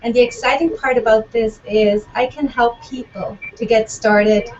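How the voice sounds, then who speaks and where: A nervous stay-at-home mom from Canada, a guest on a video call, talking fast. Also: female voice, fairly high pitch, fairly even intonation, darkish tone. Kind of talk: casual video call chat. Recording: distant muffled web call with faint noise.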